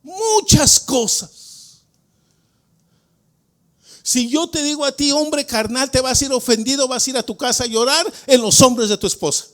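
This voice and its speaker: A man preaching as pastor of a church, putting questions to the congregation and swinging between quiet explanation and shouted emphasis. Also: very high voice, normal speed, pauses often. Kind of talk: Spanish-language sermon. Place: church sanctuary.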